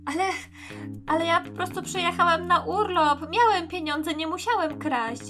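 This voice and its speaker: A woman's voice: very high voice, normal speed, bright, forceful tone, faint music behind. Woman voicing a whiny toy dad who needs a shower. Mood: bewildered. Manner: whiny, insistent.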